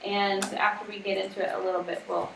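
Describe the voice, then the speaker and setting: A woman's voice: medium pitch, little pitch movement, fast, gravelly, distant mic. A woman teacher leading a casual vocabulary lesson with a small class, talking in a loose, chatty way full of "like". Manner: casual, chatty, uses "like" often. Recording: roomy classroom audio from afar, with background noise.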